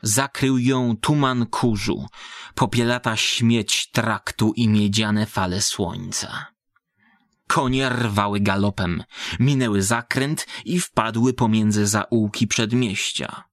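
A man reading a literary story aloud in measured, dramatic narration, voicing the characters. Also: on the low side, a bit bright, no echo, clean studio sound.

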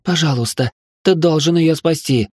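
Guy doing a frantic young woman, high and loud, begging for help. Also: moderate pace, husky, dry recording, clean studio sound. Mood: pleading. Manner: shrill, frantic pleading.

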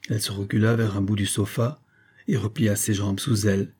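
A man reads a classic story aloud at a measured, even pace. His voice is low, mellow and slightly husky. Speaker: audiobook narrator. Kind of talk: scripted literary narration.

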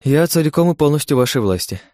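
Man putting on a higher, shaky voice for a frightened young princess in an audiobook. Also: animated, quick pace, a little mellow, dry recording, studio quality, natural voice. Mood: nervous. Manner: trembling, anxious murmur.

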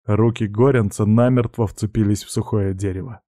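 Male audiobook narrator; wry, measured, dark timbre. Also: fairly low pitch, steady tone, no echo, studio quality. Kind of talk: audiobook reading.

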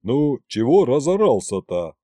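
A man doing a gruff bass Grandfather Frost. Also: big pitch swings, dark tone, no room sound, clean studio sound. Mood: grumbling. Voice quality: deep bass. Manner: grumbling, weary, slow. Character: gruff old grandfather Winter spirit, deep bass.

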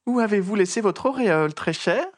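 A man voicing a sly, mocking woman journalist in a drawn-out sing-song tone. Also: high voice, expressive, dry recording, studio quality, voice pushed up. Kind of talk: audiobook reading.

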